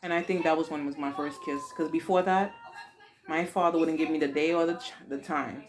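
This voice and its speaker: Against a noisy background, a woman in her forties with a Haitian accent responds to her daughter's questions. She talks in a low voice at a fairly quick clip, keeping things casual, expressive, and full of dramatic exclamations.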